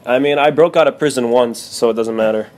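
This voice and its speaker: A man in his twenties makes a casual prank phone call, sounding earnest and hesitant, oversharing and using lots of fillers. His mid-range voice is fairly quick and darkish. He's in a small bare-walled room, recorded noisily by a camera a few feet away.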